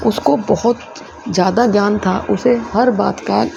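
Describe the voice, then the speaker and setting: A woman giving a devotional discourse as a satsang speaker, gently and patiently explaining in simple, repeated phrases and telling moral stories. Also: mid-range voice, steady tone, measured pace, over music. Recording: muffled lo-fi with clear background noise.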